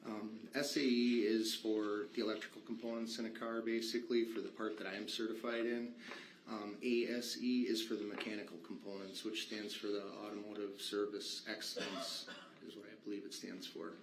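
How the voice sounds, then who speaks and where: A man's voice: lowish voice, level tone, brisk. A man giving formal testimony as a witness, explaining his work in a matter-of-fact way. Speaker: witness, state patrol vehicle inspector. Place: courtroom. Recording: echoey courtroom, faint noise.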